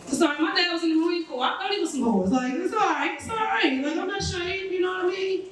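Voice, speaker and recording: A woman's voice: very high-pitched, expressive, quick pace. A woman in her thirties doing a brash, profane stand-up set, teasing the audience. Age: 30s. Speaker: stand-up comedian. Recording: echoey room, mic far off.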